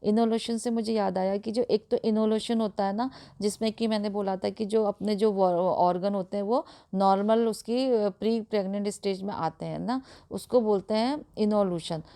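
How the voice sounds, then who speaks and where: Gravelly-voiced woman lecturing nursing students. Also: medium pitch, steady tone, mellow. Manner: hesitant, fills pauses with "uh", repeats and restates terms. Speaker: nursing tutor. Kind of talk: explanatory lecture in Hindi mixed with English terms.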